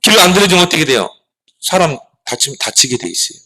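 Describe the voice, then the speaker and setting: A middle-aged man preaches to a room of children in a bright, slightly high voice. His pitch swings widely as he tosses out questions and answers them himself. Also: expressive, fast talker, husky, poor audio. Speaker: pastor. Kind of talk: children's sermon.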